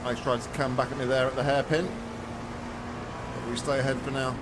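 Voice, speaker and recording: Man commentating calmly over loud engine noise. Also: medium pitch, fairly quick. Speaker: sim racing streamer. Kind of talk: casual racing commentary while playing. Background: loud race car engine noise from game.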